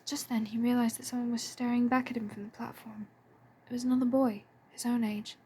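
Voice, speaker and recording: A woman reading a story aloud in a soft, breathy and hushed way. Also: a little high, flat delivery, brisk. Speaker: fan audiobook reader. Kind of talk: storybook narration.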